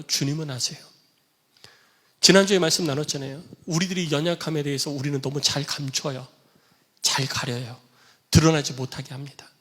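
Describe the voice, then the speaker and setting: High bright-voiced pastor preaching in a hall. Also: male voice. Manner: acts out quoted voices, swings between loud cries and hushed whispers. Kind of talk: sermon. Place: church sanctuary. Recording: reverberant church hall.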